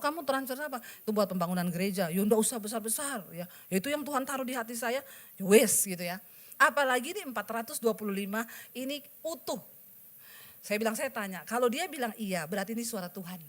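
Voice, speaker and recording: High-voiced woman pastor telling a testimony. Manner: lively storytelling, acting out quoted dialogue; addresses the congregation directly. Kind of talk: sermon with personal testimony.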